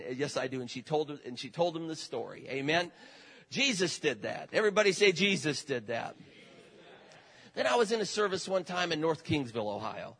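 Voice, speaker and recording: A man's voice: fairly high pitch, fairly bright tone, low-quality recording. A middle-aged man, a traveling evangelist, telling healing stories in a folksy sermon full of fillers and amens. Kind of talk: sermon testimony.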